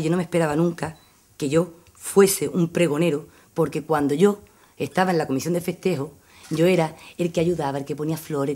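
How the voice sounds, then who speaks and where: A woman's voice: low voice, darkish tone. A middle-aged Andalusian woman, a town councillor speaking informally at a press conference, repeating phrases for emphasis. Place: indoor press room. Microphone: table microphone.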